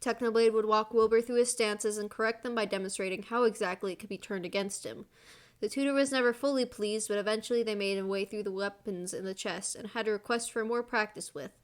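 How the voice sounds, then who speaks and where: A woman reading a story aloud on a stream, even and mid-pitched. Between passages she teases her friends playfully over a voice call. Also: brisk. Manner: playful, teasing.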